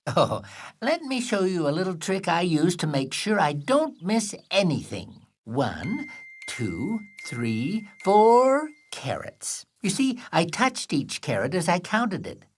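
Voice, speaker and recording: Fussy cartoon Rabbit, wildly swooping voice. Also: male voice, high-pitched, huge pitch swings, a little hiss or hum, heavily acted. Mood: instructive, pleased. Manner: precise, instructive, exclaiming, slow and deliberate. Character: fussy, patient, grown-up male rabbit teaching counting. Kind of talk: animated children's cartoon acting. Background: music.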